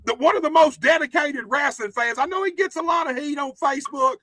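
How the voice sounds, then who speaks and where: A man's voice: very high-pitched, a little fast, pushed and bright, no echo. A man with a Southern US accent hosting a casual, profane wrestling chat, his voice cracking. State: voice cracking after flu in the household. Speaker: host of a wrestling interview show.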